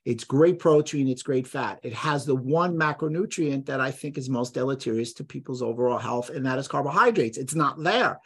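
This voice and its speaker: A man's voice: medium pitch, moderate pace, hardly any pauses, a bit bright, husky. Blunt, emphatic man lecturing on health. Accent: none, trained out of New York accent. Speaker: podcast guest, health expert. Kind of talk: conversational podcast interview.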